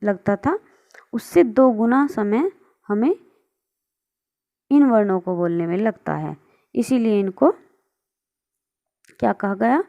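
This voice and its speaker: A woman's voice: medium pitch, animated, slow, vocal fry, long pauses, warm tone, highs cut off. A woman teaching a grammar lesson online, explaining on screen and patiently asking and answering her own questions.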